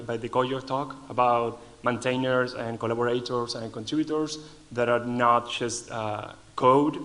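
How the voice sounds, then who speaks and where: A native Spanish speaker from Argentina gives a lightning talk at a conference in an Argentinian accent. His voice is medium in pitch with a fairly bright tone, and he often restarts his phrases.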